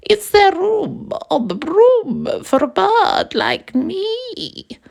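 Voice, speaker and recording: A man voicing a small, excitable green bird in a children's storybook, high and breathy. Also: extremely slow, full character voice. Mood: eager.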